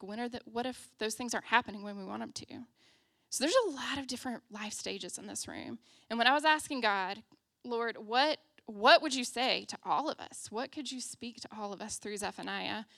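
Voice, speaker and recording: Young woman preacher, bright and a touch high, chatty and self-deprecating, hushed when praying, close dry sound. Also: dry recording. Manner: casual and self-deprecating, frequent "like" and "um"; prays in a soft, hushed voice. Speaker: guest preacher. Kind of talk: conversational sermon with opening prayer. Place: church stage in the round.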